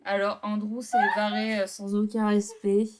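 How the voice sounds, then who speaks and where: A woman's voice: medium pitch, completely flat delivery, normal speed, darkish tone. Teasing, blunt woman reading a dating game aloud. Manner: teasing, blunt, slangy, breaks off reading to comment. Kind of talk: casual chat mixed with reading visual-novel text aloud.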